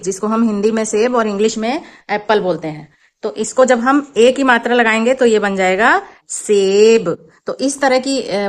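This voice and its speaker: Woman patiently explaining a children's worksheet. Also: a little high. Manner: slow, patient explaining, mixing in English words. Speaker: teacher and channel host.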